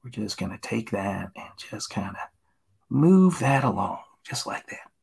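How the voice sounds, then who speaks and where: A man from Tennessee giving a gentle, encouraging painting lesson on a live stream, often dropping to a hushed whisper. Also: lowish voice, very animated, a little slow, gravelly, slightly rough. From Tennessee, USA. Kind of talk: soothing painting-show patter, live stream.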